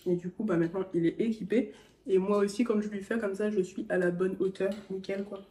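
A woman's voice: medium pitch, fairly even intonation, brisk, dark tone, a little hiss or hum. A young woman vlogging in a casual chat, talking straight to the viewer. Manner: chatty, talks straight to the viewer. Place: at home.

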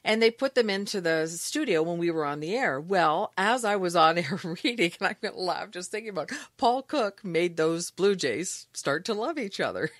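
A middle-aged woman, a radio news anchor, telling stories in a casual interview, animated and laughing often. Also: lowish voice, normal speed, few pauses, no echo, clean studio sound. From Canada.

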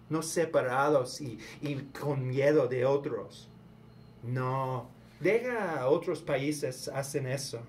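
Slow, halting preachy man. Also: medium pitch, a little mellow, a little hiss or hum. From United States. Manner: halting, repeats words, preachy. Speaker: vlogger. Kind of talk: casual spoken sermon.

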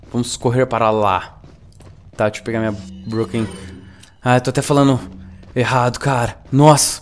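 A man doing live gameplay commentary, excitable, swearing and yelling at the enemy. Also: mid-range voice. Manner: excitable, swears and yells at the boss. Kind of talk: live let's-play commentary.

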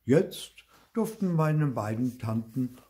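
Slow, lively older storyteller man. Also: medium pitch. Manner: slow, lively, tells it in a boy's voice. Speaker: storybook reader. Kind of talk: children's storybook reading.

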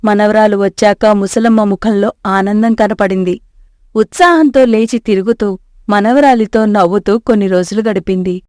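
Woman storyteller, scripted narration, steady, measured, mid pitch, dry. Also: dry recording.

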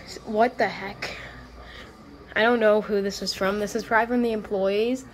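A female vlogger talking to viewers in a nervous, hushed night-time manner while exploring indoors on a handheld camera. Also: mid-range voice, steady tone, normal speed, low-quality recording. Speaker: vlogger hosting a challenge video. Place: indoors in hotel hallways. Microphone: handheld phone camera, walking. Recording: handheld recording with background noise.

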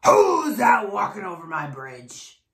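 A woman voicing a mean, ugly male troll who makes low, gruff threats in a children's story. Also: huge pitch swings, takes it slowly, shouting, exaggerated voice. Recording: echoey room.

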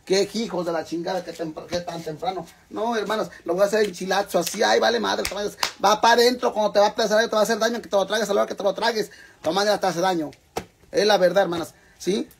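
Rowdy, gravelly high-voiced Mexican man. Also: steady tone, fast talker, slight background noise. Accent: Mexican Spanish. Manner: rowdy, swears freely, calls viewers "hermanas". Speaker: vlogger cooking live for viewers. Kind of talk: casual live-stream chat.

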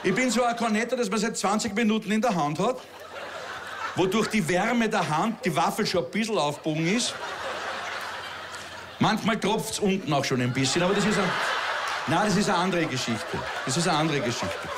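A middle-aged Viennese man tells a stand-up story, chatty and poking fun at himself. His voice sits fairly high for a man. Faint stage ambience hums in the background. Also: fairly quick, noisy background. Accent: Viennese Austrian German. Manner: chatty, self-mocking, laughing asides. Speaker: comedian.

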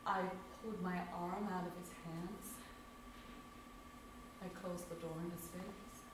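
Woman doing a guilt-torn young woman, halting and bitter, stage play, echoey far off, noisy. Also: lowish voice, fairly even intonation, lightly acted. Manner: halting, faltering restarts. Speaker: stage actor playing Abby. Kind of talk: live stage drama. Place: small theatre stage.

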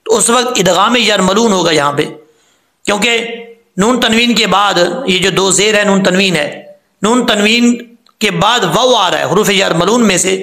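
A man teaching Quran recitation rules, explaining step by step and modelling words slowly. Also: sits high, vocal fry, bright, forceful tone, roomy sound. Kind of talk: tajweed lesson.

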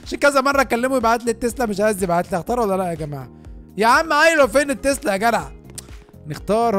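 A man with an Egyptian Arabic accent giving chatty, excitable gaming commentary, talking straight to his viewers. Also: sits high. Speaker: gaming YouTuber.

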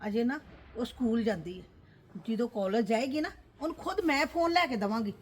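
A woman's voice: fairly high pitch, brisk, slight background noise, close to an everyday voice. A woman playing a stern grandmother who scolds and lectures in a family drama. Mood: reproachful. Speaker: actor.

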